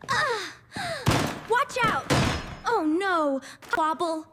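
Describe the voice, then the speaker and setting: Shrill tiny winged cartoon creature played by a woman, bouncy sing-song exclamations, sound effects said out loud. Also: animated, extremely slow, exaggerated voice. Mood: excited. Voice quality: squeaky, shrill. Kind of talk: cartoon dialogue. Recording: loud background noise.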